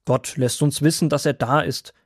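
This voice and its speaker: A man voicing a kindly old grandfather woodworm in a children's audio drama, gentle, patient and fatherly. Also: mid-range voice, steady tone, normal speed, slightly rough, no room sound, clean studio sound.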